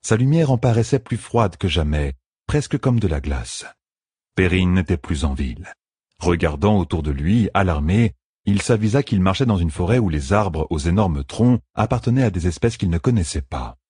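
Male audiobook narrator, low voice, very husky, lively pitch, dry close reading. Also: normal speed, no room sound. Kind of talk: scripted fantasy narration.

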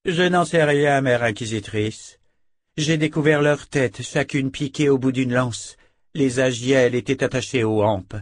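A man's voice: medium pitch, a little slow, dry recording, studio quality, voice pushed up, lightly acted. A man voicing a hardened, exhausted female warrior who reports bad news bluntly. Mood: grim.

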